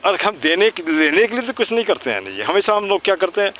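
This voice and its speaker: A man's voice: sits high, big pitch swings, quick pace, fairly bright tone, slight background noise. A man teaching children English pronunciation outdoors. He asks questions, answers them himself, and keeps adding "है ना" as a check, with an Indian English accent. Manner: tags phrases with "है ना".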